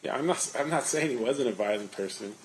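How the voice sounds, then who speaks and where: A man giving testimony as an investigator witness under cross examination, in a measured and guarded manner. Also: medium pitch, expressive, slight background noise, low-quality recording.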